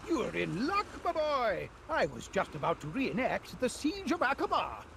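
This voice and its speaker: An actor playing a pompous old English army major in a video game, telling tales theatrically and given to yelled exclamations. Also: male voice, very high-pitched, huge pitch swings, moderate pace, vocal fry, slight background noise, full character voice, rough recording. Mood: blustery, theatrical. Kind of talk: video game character acting.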